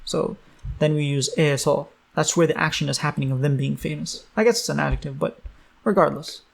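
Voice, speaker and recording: Chatty man with a gravelly voice. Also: a little high, a little fast. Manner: loose and chatty, many ums, explains with English glosses. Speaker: language teacher. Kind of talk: casual online lesson.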